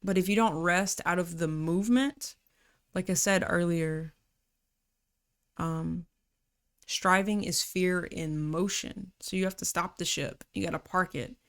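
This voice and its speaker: A woman coach giving a calm, reflective talk on rest and trust, unhurried and slipping into casual slang. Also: fairly low pitch. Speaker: personality typology coach.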